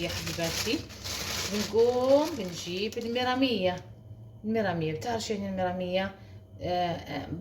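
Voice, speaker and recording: Chatty fast-talking woman from Morocco, echoey kitchen. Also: medium pitch, a little hiss or hum. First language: Moroccan Arabic. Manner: chatty, repeats words, coaxing viewers with endearments. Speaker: home recipe vlogger. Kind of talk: casual chatty home tutorial. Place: home kitchen. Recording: roomy echo, voice heard from a distance.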